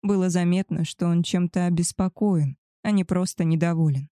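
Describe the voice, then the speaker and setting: A woman narrating a first-person story aloud in a calm, even reading style. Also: lowish voice, normal speed, no room sound, studio quality. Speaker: audiobook narrator.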